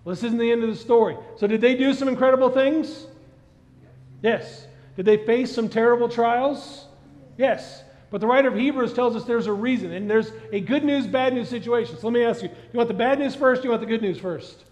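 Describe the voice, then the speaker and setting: A middle-aged man preaching a sermon on a church stage, animated and asking the congregation questions. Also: extremely high pitch, fairly quick. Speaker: pastor. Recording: dull sound with long hall reverb.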